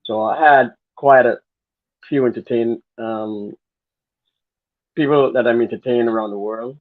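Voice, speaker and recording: A Guyanese man with a Guyanese accent, once a dancer, tells his story as a guest in a casual interview, earnest and rambling. His medium-pitched voice is steady and a little slow, with no echo. The sound is narrow, like a phone line.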